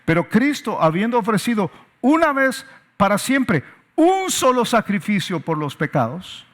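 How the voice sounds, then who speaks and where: A male preacher delivers a sermon in a fairly high voice. He presses his points with repeated phrases and rhetorical questions. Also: sing-song, unhurried, a bit bright. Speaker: pastor.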